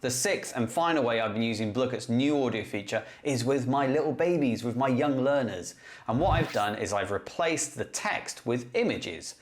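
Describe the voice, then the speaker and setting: A man who teaches English, talking through a step-by-step tutorial in a clear, methodical way. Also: mid-range voice, expressive, normal speed. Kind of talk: classroom-tech tutorial explanation.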